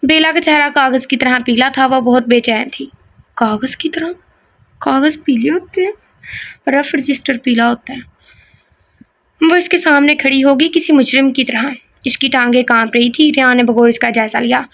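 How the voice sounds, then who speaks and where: High-voiced woman narrating a novel. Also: moderate pace, a bit bright. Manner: breaks off for casual joking asides. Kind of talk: reading a romance novel aloud.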